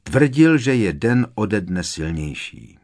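A man's voice: lowish voice, very animated, a little mellow. A man reading aloud, voicing a worried teenage boy wizard who speaks urgently and with emphasis.

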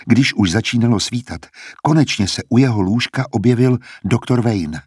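Husky, low-voiced male audiobook narrator, measured, dry close recording. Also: no room sound. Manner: calm, measured storytelling. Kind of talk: scripted narration.

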